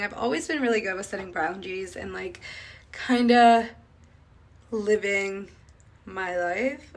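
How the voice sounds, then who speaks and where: A woman's voice: mid-range voice, gravelly, a bit bright. A young woman from Sri Lanka who grew up in Canada, chatting reflectively as a beauty vlogger while doing her make-up, full of "like" fillers. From Sri Lanka, raised in Canada.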